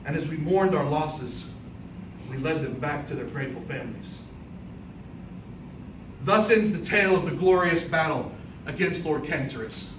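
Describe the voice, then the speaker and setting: This speech contest entrant is a male storyteller with a fairly high pitch, performing an epic-style tale in a dramatic, declamatory, carefully paced way. An audience listens in an indoor room, and the far-off mic gives a roomy sound over a clearly noisy background.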